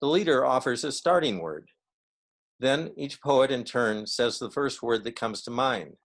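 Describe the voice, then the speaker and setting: A man presenting a poetry reading, explaining its format in a measured way and then reading a poem aloud. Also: mid-range voice. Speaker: event presenter and poetry reader.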